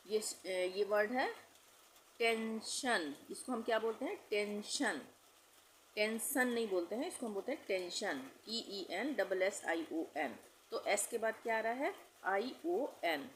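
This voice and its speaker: A woman's voice: mid-range voice, slight background noise, low-quality recording. A woman teaching English pronunciation in Hindi, patiently repeating each rule and spelling words out letter by letter. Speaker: language teacher.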